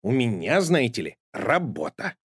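A grumbling, sarcastic tomcat, as a male narrator puts him on in a storybook reading. He drawls his complaints slowly. The sound is dry and close. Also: mid-range voice, sing-song, a bit bright, breathy edge, no echo, exaggerated voice. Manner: grumbling, slow.

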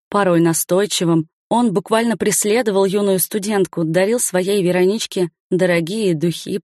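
A woman narrating a story aloud in an even, matter-of-fact reading. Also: fairly low pitch, dry recording, studio quality. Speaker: audiobook narrator. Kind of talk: scripted narration.

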